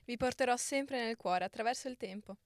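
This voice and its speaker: A woman voicing Penelope, a patient ancient queen, in an audiobook story, soft and measured. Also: a little high, no room sound, studio quality, lightly acted. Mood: gentle. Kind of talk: audiobook character reading.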